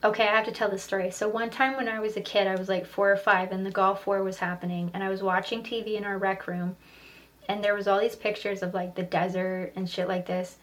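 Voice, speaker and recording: A woman's voice: mid-range voice, a little fast. A woman in her thirties hosting a podcast alone, telling stories casually with lots of swearing and rambling asides. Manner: profane, rambling, animated when retelling stories. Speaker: podcast host. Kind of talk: casual solo podcast storytelling.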